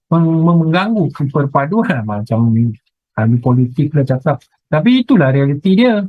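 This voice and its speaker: A man's voice: a little high, no echo, highs cut off. A middle-aged man with a Malaysian Malay accent giving an online university lecture, teasing and quizzing his students as he goes. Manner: teasing, lively, asks students questions. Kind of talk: online lecture with class banter.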